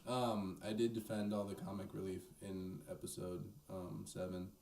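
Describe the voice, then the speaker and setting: A man's voice: sits low, level tone, moderate pace, gravelly, a little mellow. A young man in casual podcast chat, rambling and hesitant with many restarts. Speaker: podcast co-host. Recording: echoey room, distant mic, faint noise.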